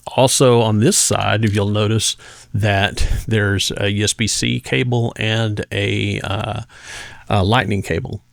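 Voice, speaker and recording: This gadget reviewer's voice sits on the low side and sounds creaky, recorded at studio quality without any room sound. He demonstrates a product in a relaxed, chatty way, often halting partway through phrases.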